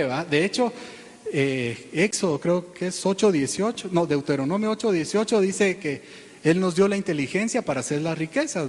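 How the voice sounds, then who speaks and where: A man, preaching a sermon in a relaxed, talky way. He clears his throat often and keeps tagging his points with little check-in questions. His voice rings out with a long reverb from the church hall. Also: sits high. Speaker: pastor. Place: church sanctuary.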